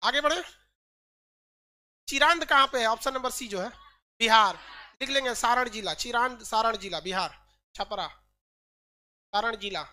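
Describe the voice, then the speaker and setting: Woman, exam-prep teacher, bright sharp tone, drills answers, joking asides. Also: on the high side. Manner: quizzes students with repeated questions, joking asides.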